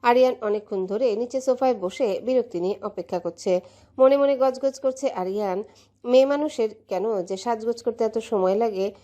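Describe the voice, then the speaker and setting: A woman narrating a romantic audio story in an emotive, steady way. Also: fairly high pitch, normal speed.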